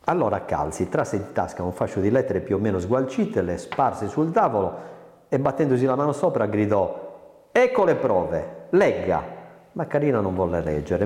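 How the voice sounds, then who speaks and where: A man's voice: fairly low pitch, dark tone. A man reading a novel aloud expressively, giving the characters their own voices. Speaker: narrator. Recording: echoey reverberant room.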